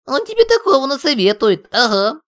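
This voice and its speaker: A tiny clay golem squeals and jeers in a shrill, wildly swooping voice. He taunts without letup, gleeful and spiteful. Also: sing-song, a little fast, a bit bright, exaggerated voice. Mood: gloating. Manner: taunting, mocking. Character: squeaky gloating little male clay golem. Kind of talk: audiobook character voice.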